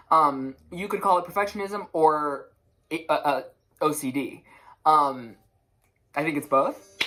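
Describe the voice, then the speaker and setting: A young woman with a slight lisp, chatting to camera at home in a rushed, rambling way, often stumbling over her words, with faint music behind her. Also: low voice, fairly bright tone. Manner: rushed, rambling, self-interrupting, stutters. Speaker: musician vlogger. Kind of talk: casual chat to camera.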